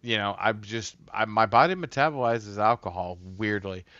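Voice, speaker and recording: A man's voice: fairly low pitch, animated, normal speed, bright, forceful tone, highs cut off. A man hosting a casual livestream, rambling and a bit tipsy from a couple of beers, talking loosely and swearing to his chat. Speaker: livestream host.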